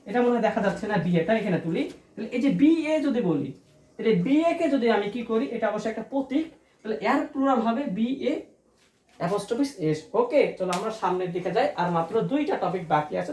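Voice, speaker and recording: A woman's voice: a little high, darkish tone. A woman with a Bangladeshi Bengali accent teaching an exam-prep lecture, repeating terms for students to echo and checking often whether they follow. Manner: drills terms by repetition, checks understanding often. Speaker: admission test tutor. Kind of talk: classroom-style lecture.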